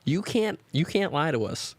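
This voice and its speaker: A man co-hosting a podcast in casual chat, cracking quick jokes and laughing often. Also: fairly high pitch, big pitch swings, no echo. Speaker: podcast co-host.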